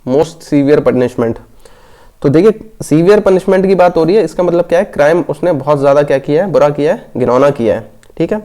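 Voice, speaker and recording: A man with a fairly high pitch and dark tone teaches exam prep in a Hindi lesson. Reading the questions slowly, he explains each answer and checks in often, repeatedly saying "theek hai."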